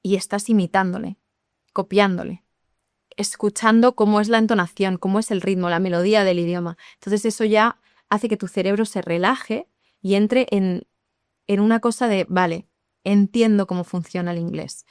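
Lively woman explaining. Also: mid-range voice, moderate pace, clean tone, no echo, studio quality. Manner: lively, explanatory, addresses listeners directly. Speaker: English teacher. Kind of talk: podcast conversation.

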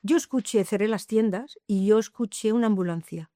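A woman's voice: medium pitch, fairly quick, warm tone, no room sound, clean studio sound. A woman, telling her life story in an interview with emphatic repetitions. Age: 80s. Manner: emphatic, repeats phrases, swears to the listeners. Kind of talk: emotional personal storytelling.

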